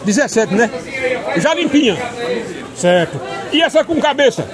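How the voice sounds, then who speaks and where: A man's voice: very high voice, big pitch swings, measured pace. A man from Alagoas, giving chatty, casual commentary while walking through an outdoor street market, repeating phrases as he goes. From Alagoas, Brazil. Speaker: vlogger. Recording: busy street crowd noise. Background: loud crowd.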